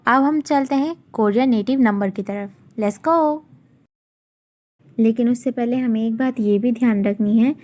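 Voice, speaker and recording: A woman's voice: on the high side, mellow. A young woman teaching a language lesson online, spelling words out carefully and switching into English phrases now and then.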